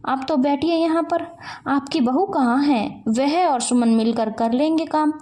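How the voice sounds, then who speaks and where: A woman's voice: high-pitched, measured pace, mellow. A woman voicing a courteous middle-aged mother visiting for a match, politely insistent.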